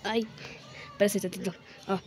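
A woman's voice: mid-range voice, little pitch movement, moderate pace, a little mellow, a little hiss or hum. A woman giving casual gameplay commentary, playfully boasting, grunting with effort and whispering asides, her throat a little sore. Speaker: gamer.

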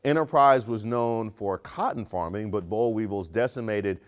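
A man in his thirties from Maryland hosting a comedic news segment, wisecracking with animated punchlines in a studio. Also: lowish voice, moderate pace, smooth. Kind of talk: scripted comedic news commentary. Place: studio with brick wall set.

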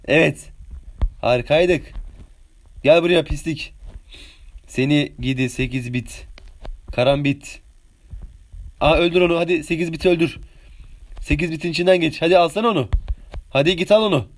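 An excitable young man of 18 doing live gameplay commentary. He has a fairly high voice, chats with his viewers between rounds and bursts into yelps and pleading whenever an opponent closes in. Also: fairly quick, long pauses. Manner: excitable, chatty, yells at opponents, hums sound effects. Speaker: game streamer.

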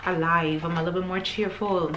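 A woman chatting casually to camera as she tastes and reviews groceries, describing each bite between pauses. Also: fairly low pitch, steady tone, fairly bright tone, lo-fi sound, a little hiss or hum. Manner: chatty, tasting and describing food between bites.

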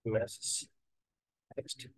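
This screen-recorded tutorial has a man explaining software testing while he codes, reasoning aloud in a halting way and using many fillers. There's no room sound.

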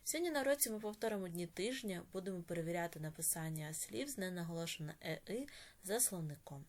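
Woman, Ukrainian accent, schoolteacher, online lesson, deliberate dictation, somewhat low pitch. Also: lively intonation, a little mellow. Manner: slow, clearly stressed dictation of words. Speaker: primary school teacher.

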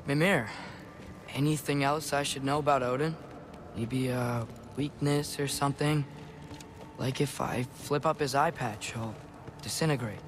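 An actor voicing an earnest, determined teenage boy hero in a video game cutscene, speaking slowly and carefully. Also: mid-range voice, music in the background, close to an everyday voice.

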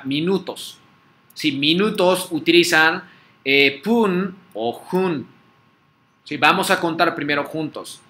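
A man's voice: fairly high pitch, sharp tone. A man teaching a language class, patiently leading drills and checking that students follow. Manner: patient, repeats words for students to echo, frequent "¿sí?" checks. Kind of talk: online class drill, call and repeat.

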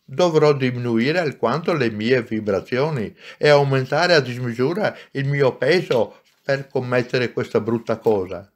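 A man reading aloud and voicing a gentle, patient spirit who speaks calmly and gravely. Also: mid-range voice. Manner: calm, grave and slow. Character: gentle wise friendly soul, male, patient.

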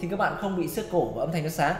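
A man teaching a singing lesson, explaining technique in quick spoken tips and singing short phrases to demonstrate. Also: fairly high pitch, expressive. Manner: brisk, explanatory, sings phrases then breaks them down. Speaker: vocal coach. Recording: echoey room with guitar backing. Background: loud guitar accompaniment.

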